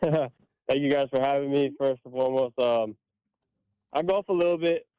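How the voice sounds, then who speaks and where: A man from Hawaii, a football player calling in to a radio show, talking in a relaxed, easygoing way with some hesitation. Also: mid-range voice, moderate pace, smooth, no echo, highs cut off. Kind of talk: phone interview. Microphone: phone line.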